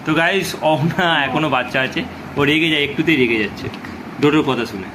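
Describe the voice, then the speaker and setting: Casual male family vlogger, coaxing tone, somewhat high pitch, background noise. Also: lively intonation, fast. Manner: chatty, coaxing with small children. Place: home and rooftop outdoors.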